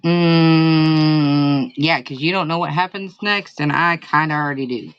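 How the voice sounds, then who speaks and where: A woman's voice: sits low, measured pace, clear, resonant tone, highs cut off. A woman co-host teasing her partner in casual banter. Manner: teasing, drawling. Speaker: podcast co-host.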